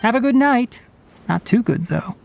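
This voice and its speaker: An actor playing a calm, scholarly young male forest ranger in a video game, speaking in a measured, gently lecturing way. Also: very high voice, vocal fry, a little hiss or hum, exaggerated voice.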